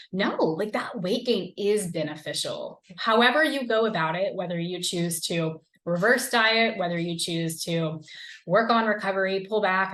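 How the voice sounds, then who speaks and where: A woman's voice: on the low side, a bit bright, rough recording. A young woman, hosting a podcast and talking casually as a recovery coach, with plenty of "like" and "um". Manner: casual, conversational, frequent "like" and "um". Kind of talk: solo podcast talk.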